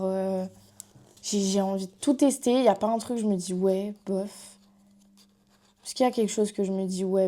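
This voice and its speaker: Chatty young Frenchwoman with a mellow voice. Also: mid-range voice. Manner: chatty, rambling with many fillers. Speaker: vlogger. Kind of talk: casual makeup haul chat.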